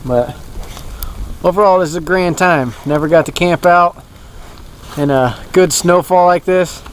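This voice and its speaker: A man's voice: high voice, unhurried, a little hiss or hum, poor audio. A man casually narrating his winter camping trip, rambling and chuckling with filler words, recorded outdoors at a snowy campsite by a fire on an action camera. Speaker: outdoor vlogger.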